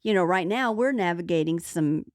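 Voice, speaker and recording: A woman's voice: on the low side, expressive, normal speed, no room sound. A woman co-hosting a casual podcast, talking in a playful, meandering way. Her voice swings freely up and down. The sound is close and dry, with no room around it. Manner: playful, rambling, easily amused. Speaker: podcast co-host. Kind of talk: casual chat.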